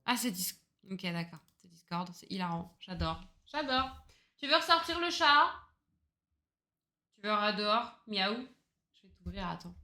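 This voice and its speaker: A bright, sharp-toned woman chats away on a gaming livestream. She rambles and mocks herself, laughs a lot and swears without a second thought. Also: medium pitch, animated, measured pace. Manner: rambling and self-mocking, laughs often, swears casually. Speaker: streamer. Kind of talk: casual gaming livestream chat.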